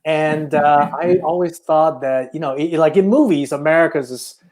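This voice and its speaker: With a fairly high, slightly mellow voice at a moderate pace, a Chinese filmmaker recounts his life story during a casual podcast interview. A native Chinese speaker, he is reflective and hesitant, often starting sentences over.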